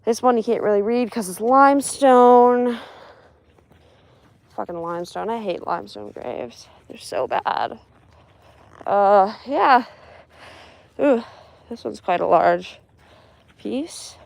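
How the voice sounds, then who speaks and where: A woman's voice: fairly high pitch, lively intonation, takes it slowly, vocal fry, pauses often, no echo. A woman vlogging as she walks through a burned cemetery outdoors, talking to herself with dry, sarcastic asides. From Spokane, US. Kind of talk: casual vlog narration while walking.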